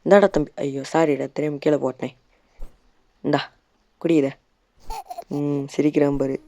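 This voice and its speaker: A man's voice: fairly high pitch, little pitch movement, normal speed, mellow. Tamil man, gaming youtuber, casual commentary, chatty, playful scolding. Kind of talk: casual let's-play commentary.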